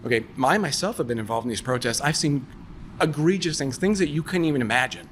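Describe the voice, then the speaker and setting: A man's voice: on the high side, animated, quick pace, a bit bright, a little hiss or hum. A man arguing insistently in a heated debate, cutting in and repeating himself. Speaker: debate participant.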